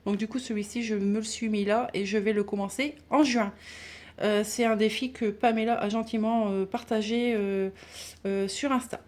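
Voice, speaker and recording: A woman vlogging casually about her budget binders, chatty and halting with many fillers and restarts. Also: mid-range voice, fairly even intonation, a little mellow. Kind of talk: casual chat showing binders.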